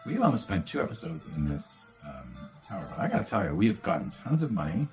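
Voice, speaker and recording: Deep-voiced man chatting over a game. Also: big pitch swings, fast talker, darkish tone. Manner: wry, playful, reads game lines aloud. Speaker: co-host playing a video game. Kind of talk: casual gameplay chat. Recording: faint game music behind.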